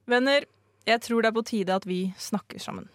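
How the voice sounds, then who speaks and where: A woman's voice: fairly high pitch, a little hiss or hum, natural voice. Woman playing Jonas, a theatrical amateur sleuth. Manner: earnest, speechifying, dramatic. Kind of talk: live comedic radio play.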